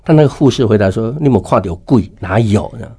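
Middle-aged male guest, husky low voice, heartfelt testimony storytelling that acts out the dialogue. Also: expressive, fast talker, dark tone. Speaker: interview guest. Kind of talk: personal faith testimony.

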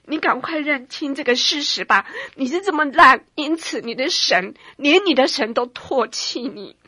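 A woman voicing a male devil, scornful and loud, pressing his accusations. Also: high voice, expressive, normal speed, no echo. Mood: scornful taunting.

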